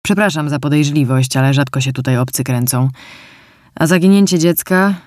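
Narrator doing a careful forester guy, measured, sorry-sounding, dry. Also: mid-range voice, no room sound, natural voice. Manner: measured, apologetic. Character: forester, a cautious, fair-minded man.

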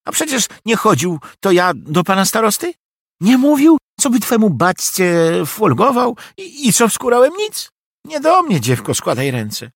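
A man voicing an old, gruff and impatient castle key-keeper. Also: high voice, wildly swooping pitch, a little slow, no echo, clean studio sound, pitched above the performer's own voice, full character voice.

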